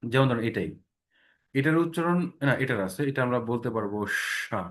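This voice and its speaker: A man's voice: mid-range voice, lively intonation, a little fast, a bit bright. Man, pronunciation teacher, online class, repeats sounds, checks in often. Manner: explains patiently, repeating sounds many times and checking in with "ঠিক আছে?".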